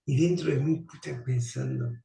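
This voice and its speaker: Gravelly man telling a story. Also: medium pitch, normal speed. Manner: animated, acts out dialogue. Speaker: interview guest. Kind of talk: storytelling anecdote. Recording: roomy, distant mic.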